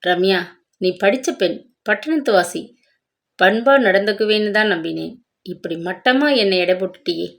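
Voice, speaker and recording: A woman's voice: mid-range voice, normal speed, gravelly, close to an everyday voice. A stern young husband, indignant and reproachful, as a woman reading a novel puts him on. The voice stays close to the narrator's own everyday tone. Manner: reproachful, earnest.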